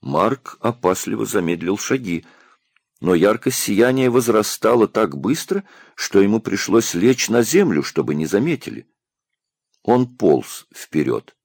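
Low gravelly male audiobook narrator. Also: no room sound, clean studio sound. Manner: expressive storytelling. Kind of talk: scripted narration.

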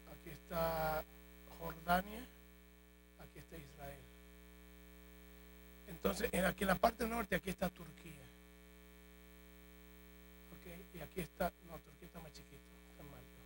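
A man preaching a sermon in a church, telling jokes and stories in a lively way. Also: fairly high pitch, creaky, poor audio. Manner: animated, joking storytelling. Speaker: pastor. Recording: faint mains hum.

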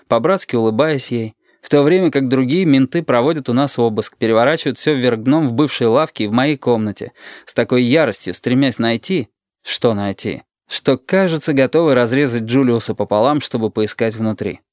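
A man narrating an audiobook in a measured, ironic storytelling manner. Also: medium pitch, no room sound, clean studio sound. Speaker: audiobook reader.

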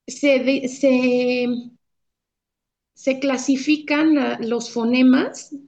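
A woman's voice: on the high side, creaky, darkish tone. A woman guest therapist explaining speech patterns patiently, step by step, in an interview.

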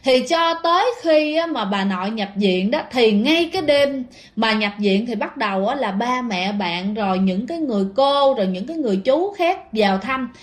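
A woman's voice: fairly high pitch, animated, normal speed. A woman narrating a ghost story in a casual, chatty way, talking straight to her listeners with plenty of fillers. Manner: chatty, addresses listeners directly, many fillers.

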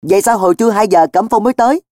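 A man's voice: high voice, rapid-fire, no room sound, studio quality, pitched above the performer's own voice, lightly acted. A man doing a fuming teenage boy. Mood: angry. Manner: sharp, scolding outbursts. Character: indignant teenage boy, hot-tempered.

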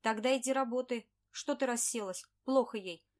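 A woman reading an audiobook, voicing a harsh, scornful male office boss who shouts at his employee. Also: on the high side, a little fast, close to an everyday voice. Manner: shouting, contemptuous. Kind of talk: audiobook character voice.

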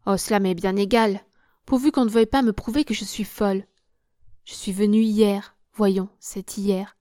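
A woman reading the part of a frightened, dazed young woman, speaking in a halting, dry, nervous way. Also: medium pitch, steady tone, mellow, dry recording, natural voice. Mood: distressed.

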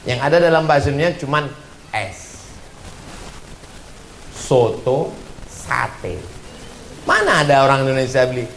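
A man giving an animated religious lecture as a preacher, breaking into slow chanted recitations. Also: mid-range voice, roomy sound, slight background noise. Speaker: Islamic preacher.

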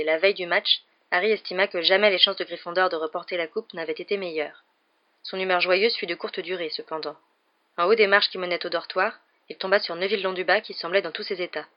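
A woman reads an audiobook at a steady, measured pace, her voice set somewhat low. The recording sounds dull and lo-fi, with little sparkle in the top end. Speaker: audiobook reader. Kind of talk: audiobook narration.

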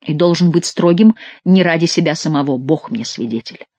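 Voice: mid-range voice, moderate pace, a little mellow, dry recording, lightly acted. An audiobook reader voicing a troubled, indecisive royal duke in a dramatic reading. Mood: solemn.

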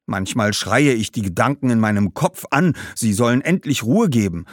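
A man's voice: mid-range voice, animated, normal speed, no echo, clean studio sound, voice pushed up, close to an everyday voice. A man doing an eager, outspoken young girl. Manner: eager, exclamatory.

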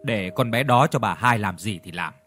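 A man's voice: on the low side, lively intonation, normal speed, fairly bright tone, soft background music, voice pushed down. A man voicing a stern, imperious older mistress of a rich household who talks down to her servants in an audio story. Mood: irritated.

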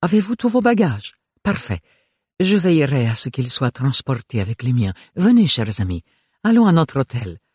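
A man voicing an elegant aristocratic woman who speaks slowly in a purring, refined way. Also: mid-range voice, very animated, a little mellow, slightly rough, no room sound, studio quality. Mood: gracious.

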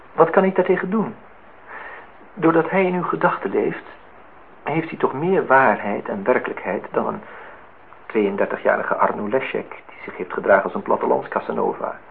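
For a radio drama, an earnest man in his thirties plays someone in love and full of self-reproach, speaking in formal, halting, reflective phrases. His mid-range voice is creaky. The sound is narrow and telephone-thin, like a noisy old radio recording.

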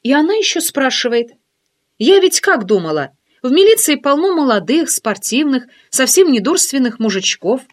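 A brash, chatty girlfriend fires off teasing scolds and bossy plans in a bright, high voice that leaps all over, as a woman reading the book puts her on. The pitch swings wide and lively, full of nosy energy. It is an audiobook character voice. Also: moderate pace.

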